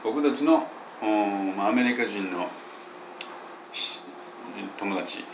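A man who teaches English pronunciation, chatting loosely in an audio diary with many fillers and self-corrections, and slowing down to demonstrate English phrases. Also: on the low side, creaky, background noise. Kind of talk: casual spoken audio diary.

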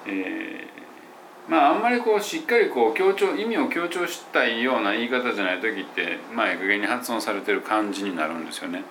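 A man who teaches English pronunciation, chatting loosely in an audio diary with many fillers and self-corrections, and slowing down to demonstrate English phrases. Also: on the low side, sing-song, a bit bright, a little hiss or hum. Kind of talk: casual spoken audio diary.

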